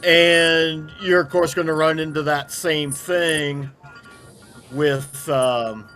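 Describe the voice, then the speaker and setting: A man hosting a casual group video call, talking in a relaxed, slightly hesitant way. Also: fairly high pitch, slow pace, soft background music. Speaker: podcast host. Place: at home.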